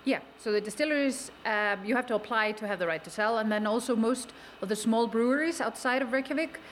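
A woman's voice: fairly high pitch, brisk, a little hiss or hum, low-quality recording. Chatty woman explaining at a distillery. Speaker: distillery worker. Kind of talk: radio interview answers. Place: working distillery.

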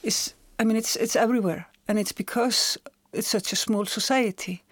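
An Icelandic woman, an author and journalist, speaks thoughtfully in a conversational interview, her slightly high voice at normal speed with no echo. She often repeats words while searching for them.

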